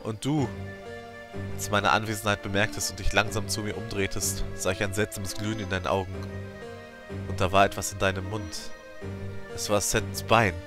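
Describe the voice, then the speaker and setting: A let's play host giving an emotive, theatrical reading of a game's story text, rising and falling in loudness. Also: male voice, lowish voice, flat delivery, normal speed, long pauses, music in the background.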